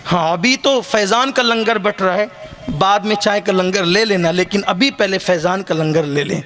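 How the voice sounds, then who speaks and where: High, bright impassioned male preacher. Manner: impassioned, rising to shouted climaxes; jokes with the crowd. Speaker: religious orator. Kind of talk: sermon at a religious gathering. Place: outdoor religious gathering with listeners.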